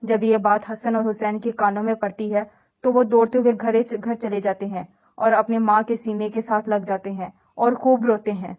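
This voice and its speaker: A woman's voice: mid-range voice, flat delivery, a little mellow. A woman telling an emotional religious story in an earnest, sorrowful way, speaking directly to the listener.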